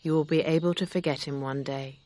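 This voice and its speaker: A woman reading aloud, voicing a kind, sincere gentleman in a low, measured tone. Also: steady tone, lightly acted.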